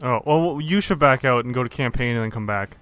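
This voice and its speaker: Chatting casually in a gaming party chat, this young man on a headset laughs often, swears and sounds fed up. He speaks a little fast at a medium pitch with a fairly bright tone, and soft music plays behind him.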